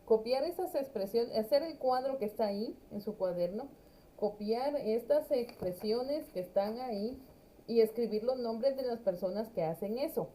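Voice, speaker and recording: A woman teaching an English class, explaining each step in Spanish and sounding out English phrases slowly and carefully. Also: fairly high pitch, lively intonation, dark tone, a little hiss or hum, low-quality recording. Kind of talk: recorded class lesson explaining a textbook.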